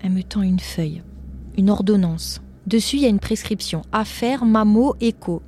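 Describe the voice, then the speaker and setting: A woman's voice: medium pitch, moderate pace, mellow, slightly rough. A young woman narrating her own story in a conversational way, often tagging lines with "hein" and speaking straight to her listeners. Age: young adult. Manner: conversational, frequent "hein", addresses listeners directly. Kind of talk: personal storytelling.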